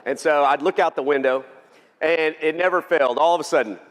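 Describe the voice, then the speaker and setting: A man's voice: a little high, brisk. Folksy Texan man in a big hall. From Texas. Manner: folksy, joking, engages the audience. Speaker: keynote speaker. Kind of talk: humorous keynote speech. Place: large banquet hall. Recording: reverberant hall.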